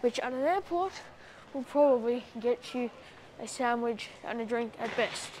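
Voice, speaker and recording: A woman's voice: on the high side, normal speed, darkish tone, a little hiss or hum. A woman giving casual travel vlog commentary with dry, sarcastic asides, recorded on a handheld camera. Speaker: travel vlogger. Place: airport terminal and plane cabin.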